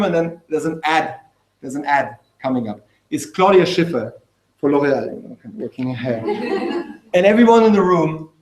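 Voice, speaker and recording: A man giving a lively lecture to an audience, often checking in with "okay?" and "right?". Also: on the high side, reverberant. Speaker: speaker at a talk.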